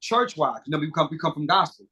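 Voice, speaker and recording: A middle-aged singer and producer chats casually as an interview guest, animated and swearing freely, with many fillers and restarts. His voice is a little high, fast and husky.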